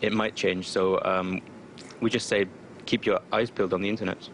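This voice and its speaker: A man speaking through a disguise that makes his voice sound deeper. He is a spokesperson answering interview questions over a remote call, defiant and loose, with many fillers. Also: flat delivery, moderate pace, a little hiss or hum. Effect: voice disguised lower. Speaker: spokesperson for online activist group. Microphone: remote call connection.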